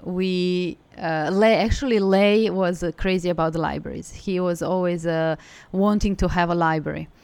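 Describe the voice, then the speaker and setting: A woman's voice: on the low side, steady tone, normal speed, few pauses, a little mellow, clean tone. A woman from Serbia with a Serbian accent, answering conversationally as an interview guest. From Serbia, from Belgrade. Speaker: interview guest, design studio co-founder.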